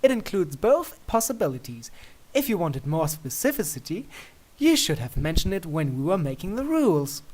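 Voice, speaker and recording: Storybook pony princess acted by a narrator: female, coy and regal, playful teasing, very animated, lifted pitch. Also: moderate pace. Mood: smug, teasing.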